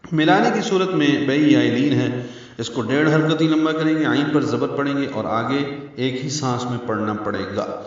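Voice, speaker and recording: A man teaching Quran recitation rules, explaining slowly and chanting the example words. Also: medium pitch. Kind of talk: tajweed lesson with recited examples. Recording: very echoey, distant, dull sound.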